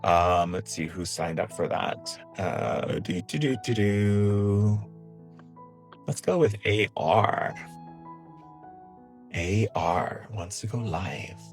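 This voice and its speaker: Low-voiced man coaching, music behind. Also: slow, pauses often. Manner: conversational, often checks in with "right?". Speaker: host, spiritual healer. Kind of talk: live-stream spiritual coaching talk.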